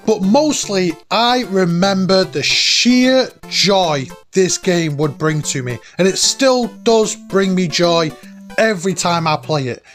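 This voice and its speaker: Male countdown host, around forty, fairly high voice, enthusiastic and emphatic, faint music underneath. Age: late 30s to early 40s. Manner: emphatic, nostalgic, informal with mild swearing. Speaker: host of a retro gaming countdown. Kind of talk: enthusiastic scripted video commentary. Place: cabin, indoors.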